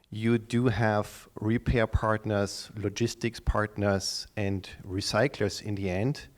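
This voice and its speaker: Halting middle-aged man pitching at a conference. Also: a little mellow. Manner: halting, repeats and restarts words often. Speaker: startup pitch speaker. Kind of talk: live conference pitch to an audience.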